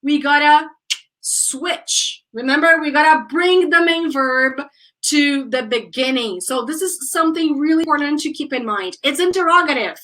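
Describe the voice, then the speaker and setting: A woman's voice: high voice, a little slow, pushed and bright, poor audio. A Brazilian woman teaching English in a live online lesson, mixing English and Portuguese, explaining step by step and checking in with her students. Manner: speeds up when explaining in Portuguese.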